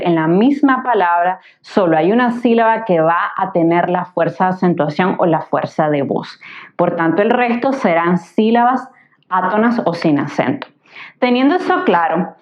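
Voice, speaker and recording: A woman tutor giving a patient, explanatory grammar lesson, slowly sounding out words syllable by syllable. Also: mid-range voice. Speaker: Spanish tutor. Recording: slightly dull lo-fi recording.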